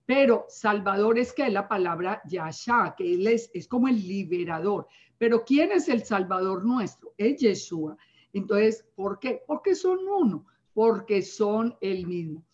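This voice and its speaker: A woman's voice: medium pitch, animated, measured pace, darkish tone. A woman giving earnest, emphatic Bible teaching in a sermon style, often asking her listeners rhetorical questions. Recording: dull lo-fi recording.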